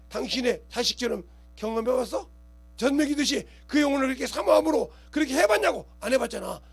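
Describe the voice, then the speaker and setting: A male pastor preaching a sermon in a colloquial, animated way, acting out scenes and keeping on asking the congregation whether they understand. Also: extremely high pitch, vocal fry, breathy edge. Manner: animated, acts out scenes with gestures and quoted voices.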